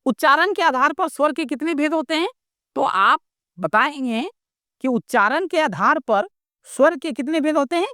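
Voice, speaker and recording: High lively voice, woman teacher from india, asks then answers her own questions, dry close sound. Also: normal speed, dry recording. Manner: asks questions and answers them herself, repeats for drilling. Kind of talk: classroom grammar lesson.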